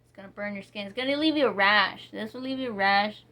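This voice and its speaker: A woman casually reviewing bar soaps, reading ingredients slowly and rambling with many fillers and restarts. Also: mid-range voice, sharp tone. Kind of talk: casual product review chat.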